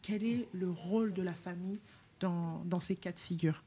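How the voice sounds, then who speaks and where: A woman's voice: on the low side, moderate pace, dark tone. A woman with a French accent hosting a talk show, prompting her guest with questions and finishing her sentences. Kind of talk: interviewing.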